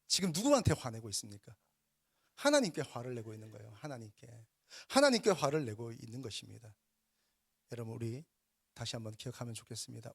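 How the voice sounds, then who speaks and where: A man's voice: medium pitch, gravelly, breathy edge, dry recording, clean studio sound. A man preaching a sermon as pastor. He acts out prayers and quoted speech, and he asks the congregation questions. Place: church sanctuary.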